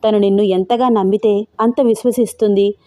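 A woman's voice: medium pitch, fairly even intonation, a little fast, warm tone, natural voice. A woman voicing an earnest, proud older father giving his son advice.

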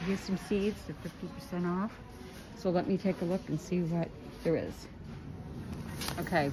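A woman chatting casually as she walks through a large store, filming on her phone and pointing out prices. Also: lowish voice. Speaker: vlogger. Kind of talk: casual shopping vlog narration. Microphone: phone camera held while walking. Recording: noisy store background.

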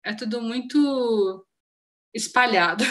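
Brazilian woman, teacher on a casual live stream, slightly high voice, chatty and explanatory. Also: takes it slowly, fairly bright tone. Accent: Brazilian Portuguese. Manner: chatty, explains with many examples and check-ins. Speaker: Japanese teacher.

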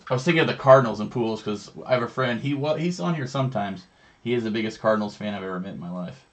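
A man with a lowish voice hosts a live trading card break, reading off each pull in a steady, easygoing commentary. He chats casually between cards, relaxed and matter-of-fact. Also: racing. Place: indoor studio with a branded backdrop.

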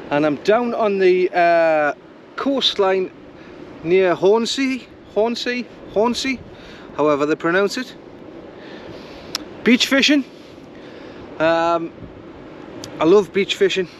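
Guy vlogging from the beach, slightly high voice, rambly and laid back, faint outdoor hum behind. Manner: rambling, relaxed, thinks aloud. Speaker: fishing vlogger. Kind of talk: casual chat to camera. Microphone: camera mic.

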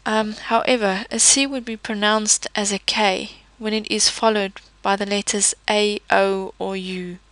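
Woman teacher, unhurried pronunciation lesson, slight vocal fry, dry close sound. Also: mid-range voice, steady tone, a bit bright, no echo, rough recording. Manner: patient, explains each letter with example words. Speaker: language teacher. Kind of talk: slow, careful pronunciation lesson.

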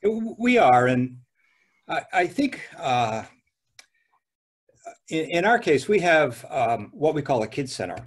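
Husky older man, halting, video call. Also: fairly high pitch, sing-song. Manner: halting, with many restarts and fillers. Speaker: ski area owner on a panel. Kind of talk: panel discussion on a video call. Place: dim room at home. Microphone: video call webcam.

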